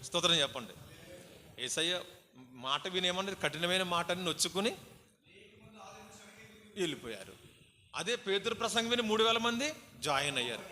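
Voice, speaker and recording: A man's voice: a little high, sharp tone. A man preaching a sermon as pastor, exhorting the congregation and calling for praise responses. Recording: hall reverb, faint background noise.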